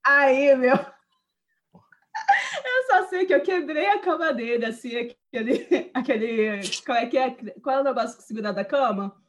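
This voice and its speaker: Woman, a bit high-pitched, lively casual storyteller, full of slang. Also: measured pace. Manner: animated, slangy, laughs while telling.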